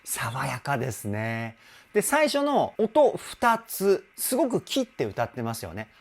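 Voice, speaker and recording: A male vocal coach analyzing a singer's cover, chatty and excitable, who apologizes for getting carried away and breaks into short sung demonstrations. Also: mid-range voice, measured pace. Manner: excitable, chatty and self-deprecating. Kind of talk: song reaction and vocal analysis.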